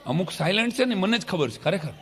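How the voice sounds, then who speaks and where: A folk comedian performs at a family wedding, telling funny stories on stage to a live audience in a large event hall. His voice is high and fast and his delivery lively, switching voices for the characters in his jokes, while the hall echoes and music plays faintly behind.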